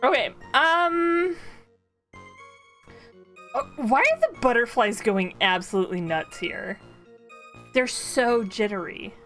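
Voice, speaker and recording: A woman's voice: on the high side, expressive, slow pace, pauses often, fairly bright tone, soft background music. A woman in casual, joking chat during a game read-along, with playful, silly banter.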